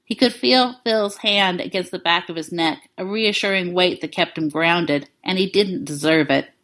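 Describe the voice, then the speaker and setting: A woman narrating fan fiction aloud in a calm, even storytelling manner. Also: fairly low pitch, moderate pace.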